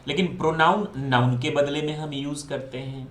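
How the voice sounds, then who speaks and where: A man's voice: on the high side, normal speed. Echoey Hindi-English grammar teacher man. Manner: asks the class questions and answers them himself. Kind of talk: online grammar lesson in Hindi with English mixed in. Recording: echoey room.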